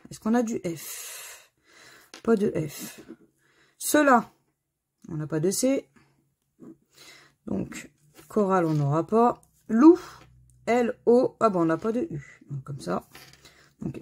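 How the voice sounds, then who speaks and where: Middle-aged woman host, unhurried and husky, chatty self-mocking scratch-card commentary at home. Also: mid-range voice. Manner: chatty, self-mocking, spelling letters aloud. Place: home corner under renovation.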